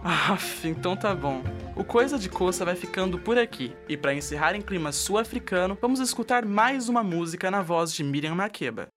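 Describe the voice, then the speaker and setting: A man's voice: high-pitched, animated, a little fast, few pauses, music in the background. A young man with a Brazilian accent co-hosting a student radio show, reading scripted lines with a light, jokey touch.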